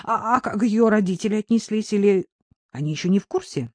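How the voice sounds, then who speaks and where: A woman's voice: medium pitch, fairly quick, no echo, close to an everyday voice. A woman voicing a fussy, anxious middle-aged sister who orders her family about. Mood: fretful. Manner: fretful, commanding.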